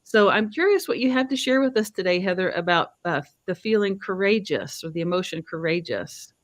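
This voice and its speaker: A woman from Oklahoma, USA, with a strong Southern accent hosts a casual video chat, sounding chatty, upbeat and quick to laugh. Her voice sits on the lower side and is expressive and brisk, with no audible room sound.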